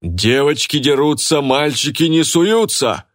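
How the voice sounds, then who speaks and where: A man's voice: fairly low pitch, expressive, normal speed, no echo, clean studio sound. A man voicing a jealous, burly young woman who bellows and bosses everyone around. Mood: boastful. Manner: bellowing and bossy.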